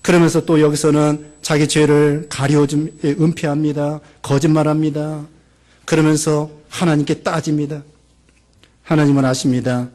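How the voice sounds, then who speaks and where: In a church sanctuary, a man preaching as the church's pastor piles verbs into long lists, alternating urgent high-pitched emphasis with hushed low asides. He speaks emphatically, though his delivery is flat, at a moderate pace.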